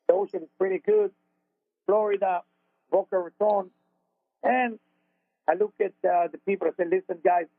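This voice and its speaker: Heard over a dry phone line with no echo, a high-voiced man tells a story as a guest spiritual teacher on a radio talk show. He has an Israeli accent, phrases things in broken English, and sounds earnest and confessional.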